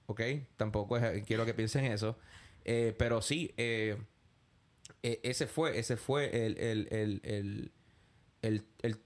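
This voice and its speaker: A man from Puerto Rico with a Puerto Rican accent, hosting a casual podcast interview. He rambles, repeats words and drops English fillers into his talk. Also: medium pitch. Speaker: podcast host.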